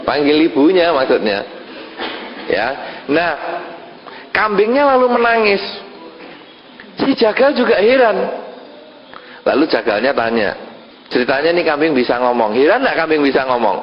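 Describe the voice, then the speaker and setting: A man, a Buddhist monk, giving a dharma talk and slowly telling a story while quizzing the children. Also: on the high side, very animated. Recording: reverberant hall, dull lo-fi sound, faint noise.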